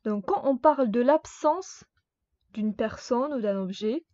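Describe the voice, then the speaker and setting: A woman teaching a grammar lesson, speaking slowly and carefully and repeating each example word. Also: on the high side, animated, dark tone, no echo. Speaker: Russian language teacher. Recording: dull dry lo-fi sound.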